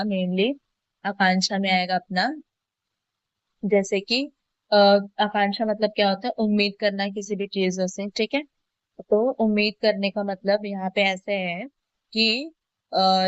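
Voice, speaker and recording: Young woman, lesson explanation, rhetorical questions, mid pitch, dull lo-fi sound. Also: no room sound. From India. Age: young adult. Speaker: student teacher.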